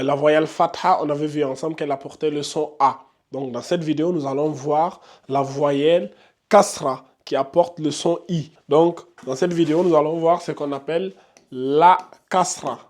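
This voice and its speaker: A man's voice: fairly high pitch, darkish tone. A man teaching beginners to read Quran letters, patient, with frequent fillers and repetition. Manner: patient, repeats himself, many filler "donc" and "euh". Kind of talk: casual beginner lesson at a whiteboard.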